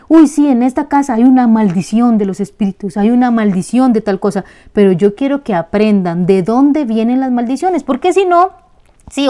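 A Costa Rican woman hosting a casual spiritual talk, blunt, colloquial and animated. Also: a little high, smooth.

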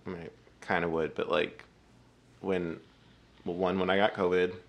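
A man appears as a guest on a podcast, chatting casually in a low, gravelly voice at normal speed. He is hesitant and full of fillers, and his jokes land deadpan.

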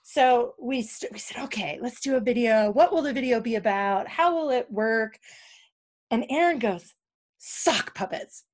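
A woman, a podcast guest telling stories in a casual interview, animated and quick to laugh. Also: a little high. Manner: animated, laughs often, acts out quotes.

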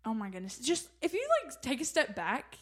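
Young woman cohosting a faith podcast, kinda high voice, gets excited, laughs a lot. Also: moderate pace, slightly rough. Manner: excitable, laughs often, many fillers. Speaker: podcast co-host.

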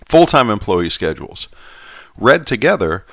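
A man voicing a genteel Southern gentleman who reads aloud in a measured, formal manner with a Southern US accent. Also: lowish voice, very animated, gravelly, no room sound, clean studio sound, exaggerated voice. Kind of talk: scripted reading.

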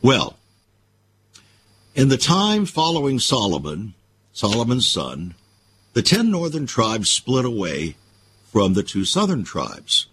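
A man's voice: medium pitch, wildly swooping pitch, slow pace, long pauses, a bit bright, a little hiss or hum. A man hosting a radio show, giving preachy Bible-based commentary full of rhetorical questions.

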